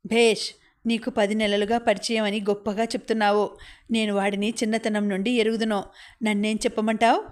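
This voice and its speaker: A woman's voice: medium pitch, flat delivery, brisk, natural voice. A woman voicing an angry, aggrieved older village man who complains bitterly and indignantly.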